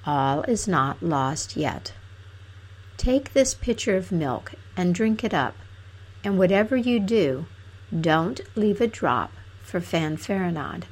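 A woman voicing a slow, low kindly oak tree. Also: animated, darkish tone, poor audio. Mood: soothing. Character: kindly old oak tree, calm and motherly.

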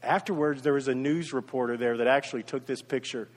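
A man's voice: mid-range voice, fast talker. Earnest preaching man in a reverberant church. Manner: earnest preaching, swells louder then drops to soft, intimate tones. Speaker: pastor. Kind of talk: sermon. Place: church sanctuary. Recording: long reverb of a large church hall.

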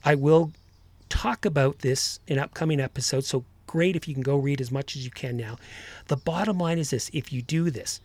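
A male podcast host with some vocal fry gives a motivational talk. He speaks to listeners directly, earnest and emphatic, in a dry recording with little room sound. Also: medium pitch, moderate pace, no echo.

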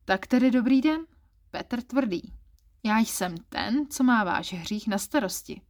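A woman's voice: a little high, expressive, lightly acted. A woman reading the lines of a smug, flirtatious male office clerk who teases with suggestive double meanings in an erotic story. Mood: teasing.

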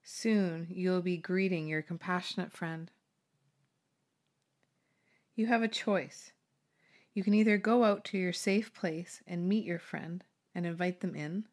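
Hosting what sounds like a relaxation session, a woman leads a meditation calmly and without hurry. Her somewhat low, soothing voice leaves gentle pauses between phrases.

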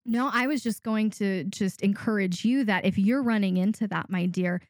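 A woman's voice: mid-range voice, moderate pace, dry recording. A woman hosting an advice podcast, coaching a guest in an emphatic, direct way and stacking points for effect. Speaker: podcast host and coach for dominants.

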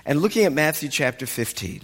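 A man preaching a sermon as pastor of a congregation, talking expressively and lifting his voice as he retells scenes. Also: fairly quick. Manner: expressive, rises in pitch when retelling scenes. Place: congregation worship hall. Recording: reverberant hall with faint music.

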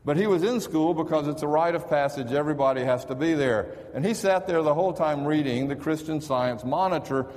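A man delivers a sermon in a relaxed storytelling way, speaking at a mid pitch. His voice carries a long reverb, as if from a church sanctuary. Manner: storytelling, conversational, with restarts. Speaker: pastor.

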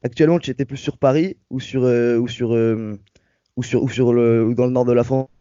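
Dark-voiced man over a phone line. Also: mid-range voice, steady tone, a little fast, no echo. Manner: hesitant, often repeats words. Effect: over a phone call line. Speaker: interviewer, host. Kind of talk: casual interview. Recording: dull lo-fi call line.

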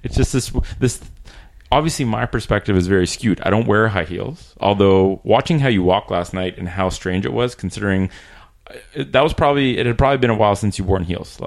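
A man hosting a podcast in casual interview chat, recorded in a small room, with hesitant pauses and throat clearing. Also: on the low side. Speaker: podcast host. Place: small room in a rented apartment.

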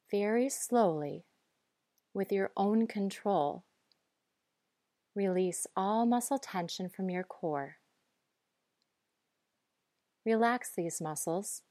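A woman guiding breathing and muscle relaxation in a calm, measured, instructive way. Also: medium pitch, dry recording, studio quality. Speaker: guide.

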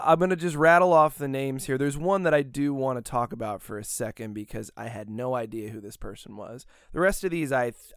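A man's voice: mid-range voice, smooth, dry recording, studio quality. Rambling, cursing American man. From United States. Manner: rambling, profane, laughs often. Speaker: podcast host. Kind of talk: casual podcast chat.

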